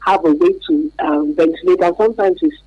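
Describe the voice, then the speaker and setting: A woman with a Nigerian accent appears as a therapist guest on a radio interview, explaining emphatically, repeating key words and checking that the listener is following. Her voice is lowish, husky and brisk with a steady tone, and the recording sounds dry and dull.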